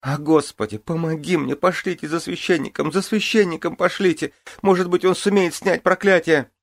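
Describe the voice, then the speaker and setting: Hysterical screeching queen, voiced by a man, high and loud, dry sound. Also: huge pitch swings, slow, vocal fry, dry recording, full character voice. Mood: shrieking. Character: hysterical young queen, shrieking and accusing.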